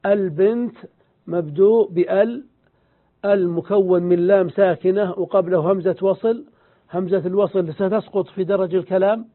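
Male grammar teacher, high-pitched voice, phone-quality audio, methodical lecture delivery. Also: fairly even intonation. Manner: slow, deliberate explaining, repeats examples, asks and answers his own questions. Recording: tinny phone-like sound.

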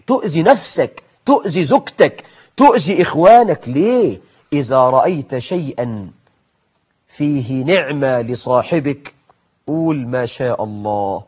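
A male preacher with an Egyptian Arabic accent, giving a sermon full of acted-out dialogue and swings between loud and hushed. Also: a little high. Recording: dull lo-fi recording.

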